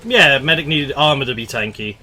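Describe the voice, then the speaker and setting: A man's voice: mid-range voice, expressive, a little fast, bright, forceful tone, slight background noise. Chatty young man streaming a game. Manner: rambling and chatty, laughs at himself. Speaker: gaming streamer. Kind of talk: casual gameplay commentary.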